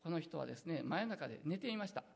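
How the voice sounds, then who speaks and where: A preacher delivering an earnest sermon, pitch swinging widely through the phrases. The voice is husky and gravelly, and it often hesitates on fillers. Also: animated, fast talker. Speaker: pastor.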